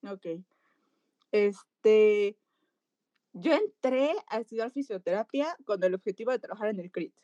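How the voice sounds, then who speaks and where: A woman with a Mexican accent, a physiotherapist telling a lively story in an interview and acting out voices. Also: mid-range voice, unhurried, no room sound, highs cut off. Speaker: pediatric physiotherapist.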